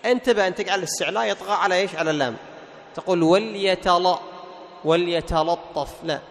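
A man teaching Quran recitation rules, asking and answering his own questions and slowly reciting examples. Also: sits high, creaky. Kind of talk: tajweed lesson with recited examples. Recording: long hall reverb.

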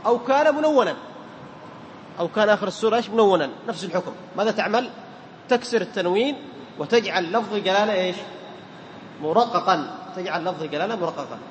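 A man with a notably high voice teaches Quran recitation to a class, asking his students questions and repeating each term for emphasis. He sounds set back from the mic in a large room, his words ringing out in a long reverb, with a faint hum of ambience behind. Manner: quizzes students and repeats key terms, chants the verse examples slowly.

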